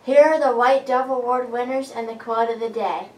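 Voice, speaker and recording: A teenage female student anchor with a fairly high voice reads school morning announcements. She sounds distant from the mic in an echoey room. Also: fairly even intonation, normal speed, faint music behind. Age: teens.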